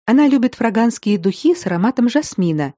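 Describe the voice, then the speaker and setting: An anxious, eager young noble lady, voiced by a woman reading aloud speaks in hurried, pleading tones. The voice is dark and mellow. It is recorded close and dry in a storybook reading. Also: a little high, expressive, no room sound, pitched above the performer's own voice.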